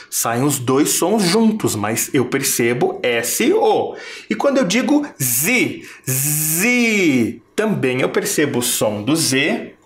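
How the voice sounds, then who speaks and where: A primary school teacher gives a televised lesson to fourth graders. The teacher speaks slowly, stretches out syllables to demonstrate their sounds, and keeps asking the viewers rhetorical questions. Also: mid-range voice.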